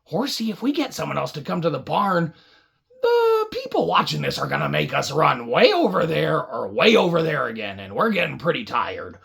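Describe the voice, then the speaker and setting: A woman's deep, husky, gravelly voice carries an improvised puppet story for children, swinging widely in pitch at normal speed. She addresses viewers casually, sounding mock-tired.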